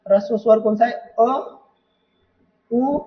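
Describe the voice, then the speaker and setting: Very high-voiced and slow, with fairly even intonation, a man walks through an exam paper, explaining patiently, repeating points and posing rhetorical questions to students. He's far from the mic, so the sound is dull.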